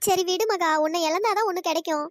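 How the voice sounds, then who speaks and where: A woman voicing a caring young sister in a cartoon story, who reassures and gently scolds. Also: extremely high pitch, fast talker, dry recording. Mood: soothing.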